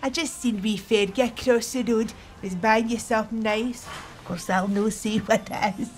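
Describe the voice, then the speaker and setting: A woman's voice: on the high side, fairly even intonation, normal speed, a little hiss or hum, close to an everyday voice. An actress playing a chatty, nosy older woman with a broad Scottish accent in sitcom dialogue. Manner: chatty, gossipy, rambling.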